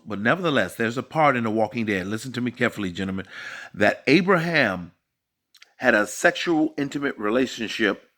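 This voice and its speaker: A man's voice: fairly low pitch, a bit bright. A man in his fifties, a coach, giving an emphatic, repetitive motivational talk to men. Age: 50s. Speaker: dating and life coach. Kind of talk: motivational monologue.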